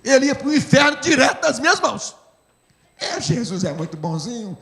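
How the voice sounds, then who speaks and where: A man's voice: extremely high pitch, sing-song, normal speed, gravelly, fairly bright tone. A man with a Brazilian accent preaching a sermon as pastor, telling an emotional story with emphasis. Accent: Brazilian Portuguese. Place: church. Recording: echoey church hall.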